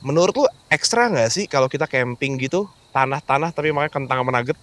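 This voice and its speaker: A man's voice: mid-range voice, animated, fast, over music. A man bantering casually as a podcast co-host. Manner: joking, bantering. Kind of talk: casual chat. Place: outdoor camping-themed urban forest venue. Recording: clear outdoor background noise.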